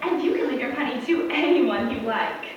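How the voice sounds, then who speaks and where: A woman's voice: sits high, animated, normal speed, muffled recording. A woman acting a proud, earnest, romantic young woman in a stage play, speaking formally and emphatically. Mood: proud, defiant. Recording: echoey theatre, distant microphone, faint noise.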